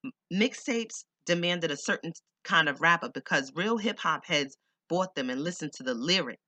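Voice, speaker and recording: A man's voice: fairly high pitch, lively intonation, moderate pace, bright, forceful tone, no room sound. A man reading a first-person memoir audiobook in a blunt, streetwise, profane way. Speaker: audiobook narrator.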